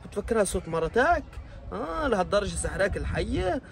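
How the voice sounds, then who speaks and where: A man rants through a comic reaction video in mock outrage. His voice sits high and swings widely. He talks fast and keeps up the exasperation. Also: sing-song, creaky.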